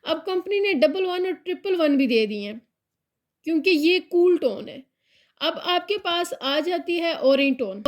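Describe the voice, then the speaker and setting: A woman teaching a hair colour class, patient and repetitive, with English terms mixed in. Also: sits high. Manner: patient, repeats key points, mixes English terms into Urdu-Hindi speech. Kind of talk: classroom tutorial.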